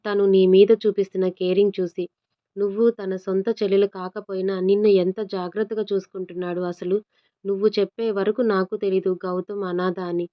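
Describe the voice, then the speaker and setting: A woman's voice: medium pitch, level tone, normal speed, dull audio, close to an everyday voice. A woman voicing a fierce, brash young woman. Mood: bold. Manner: brash, threatening.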